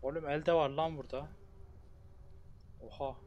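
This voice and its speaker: A man streaming a horror game, chatting casually to himself, reacting loudly and swearing often. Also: on the high side, unhurried, lo-fi sound. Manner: excitable, swears often, talks to himself while playing. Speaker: gamer streamer. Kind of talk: casual let's-play commentary.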